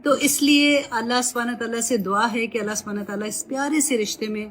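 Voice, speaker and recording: A woman's voice: fairly high pitch, a crowd in the background. Motherly woman Quran teacher. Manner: gentle, motherly, mixes in English words. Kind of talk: religious advice and course talk.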